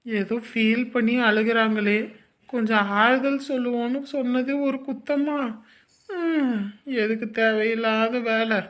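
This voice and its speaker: A man's voice: very high voice, fairly even intonation, measured pace, a bit bright. A man playing a nosy, well-meaning young man who pleads that he only meant to comfort. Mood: pleading. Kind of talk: web series acting.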